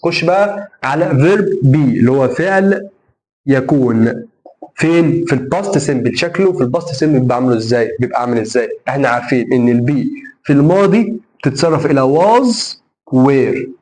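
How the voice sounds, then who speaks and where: A man's voice: medium pitch, expressive, brisk, a little mellow. Egyptian man teaching grammar, answers his own questions. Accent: Egyptian Arabic. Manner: repeats rules and asks himself questions like tamam? then answers. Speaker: English teacher. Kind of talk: grammar lesson for middle school students.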